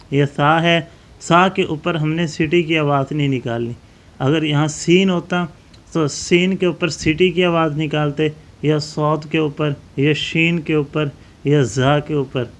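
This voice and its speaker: High-voiced man teaching Quran recitation. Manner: alternates slow drawn-out recitation with brisk explanation. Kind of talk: Quran recitation lesson with tajweed explanations.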